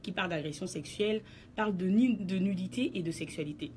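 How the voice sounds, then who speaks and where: Slight background noise accompanies a woman's medium-pitched, slightly mellow voice as she moves quickly through her radio column. Speaking from the studio, she lectures listeners and firmly sets out her stance.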